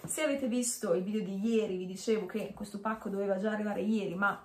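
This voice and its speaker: A woman's voice: medium pitch, steady tone, fast, a little hiss or hum. A woman in her thirties chatting casually to camera while wearing a dental retainer, hesitant and correcting herself as she goes. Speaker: beauty vlogger. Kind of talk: casual chat unboxing to camera. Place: small indoor room with bare walls. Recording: echoey small room.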